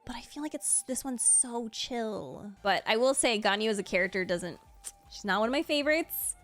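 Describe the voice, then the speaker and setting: Ranking game trailers, a woman who makes videos and streams games chats casually, her voice slightly high, expressive and a bit bright at a normal speed. Her reaction commentary rambles with gushing asides over faint background music.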